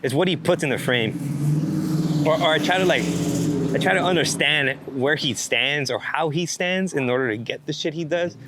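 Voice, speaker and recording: This man's voice leans high, and he talks at a moderate pace. During an unscripted, easygoing interview, the street and landscape photographer rambles excitedly, dropping slang and swearing often. Outdoor ambience and background noise can be heard clearly.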